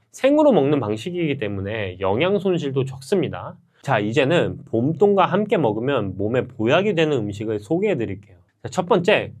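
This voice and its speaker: A man's voice: a little high, darkish tone. A man narrating a scripted health and recipe video in a polite, instructive tone aimed at older viewers.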